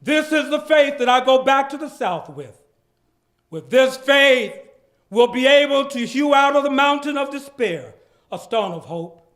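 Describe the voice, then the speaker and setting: At a live public event at a heritage center, a man gives a dramatic reading of a speech in the style of preacher-like civil rights oratory. His very high, fairly bright voice is expressive and a little slow, emphatic and declamatory as he draws out phrases and leans on repetition.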